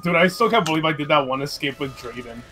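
A young man chatting casually with friends over a game, excitable and profane. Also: a little high, fast talker, faint music behind. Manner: excitable, swears, breaks into laughter. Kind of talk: casual chat.

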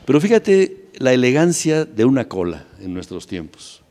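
A man's voice: medium pitch, sing-song, moderate pace, warm tone, long reverb tail. A man with a Mexican accent, a TV talk show host, rambling playfully in casual studio banter. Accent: Mexican Spanish. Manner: playful, rambling, joking musings.

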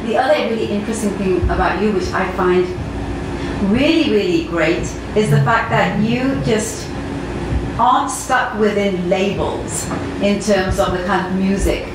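An enthusiastic woman in her forties hosts an interview, gushing and peppering her questions with ums. Her voice carries a heavy room echo, picked up by a mic set some way off, with a steady hum of noise underneath. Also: medium pitch, unhurried. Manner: effusive, enthusiastic, many ums. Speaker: interview host. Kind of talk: conversational interview. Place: studio set with red wall. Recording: echoey room, mic at a distance, audible room noise.

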